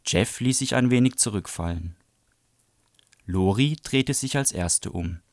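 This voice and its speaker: A man presenting a book and reading a passage aloud in an even, measured storytelling manner. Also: medium pitch, dry recording, studio quality. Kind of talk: book review and read-aloud.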